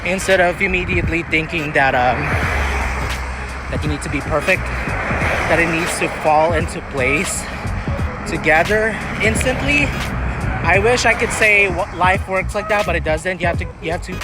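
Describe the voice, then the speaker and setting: A man's voice: high-pitched, normal speed, loud music behind the voice, low-quality recording. A man chatting casually as a vlogger, giving earnest, encouraging advice and rambling as he searches for words. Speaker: vlogger answering viewer questions.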